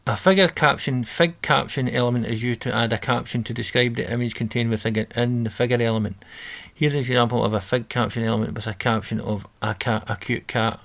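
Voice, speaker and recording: A man's voice: medium pitch, fairly even intonation, fairly quick, vocal fry, hardly any pauses, fairly bright tone. A man talking through a coding exercise on a screen recording, reading out steps and correcting himself as he goes. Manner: thinking aloud, self-correcting, reading instructions. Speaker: coding tutor. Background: keyboard typing.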